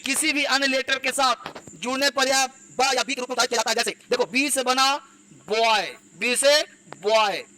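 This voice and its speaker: High, bright-voiced male teacher drilling words. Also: flat delivery, a little hiss or hum, poor audio. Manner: drills words slowly, repeating them; addresses students directly, asks rhetorical questions. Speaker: English teacher. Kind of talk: classroom lesson. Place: classroom.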